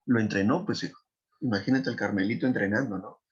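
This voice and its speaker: A male literature teacher, retelling a story to his class in an animated way, acting out voices and asking students questions. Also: fairly low pitch, fast, dull audio.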